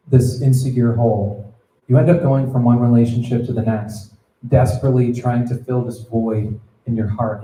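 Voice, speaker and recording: The youth pastor's voice is dark in tone and medium in pitch, echoing around the room as he preaches to students. Conversational throughout, he checks in with them and plays the voices in his stories.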